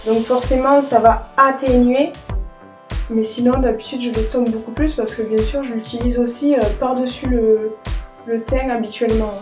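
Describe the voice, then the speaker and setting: A woman's voice: a little high, steady tone, normal speed, a little mellow, reverberant, soft background music. A woman, chatting her way through a makeup tutorial and explaining each step. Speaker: beauty vlogger. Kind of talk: casual makeup tutorial narration.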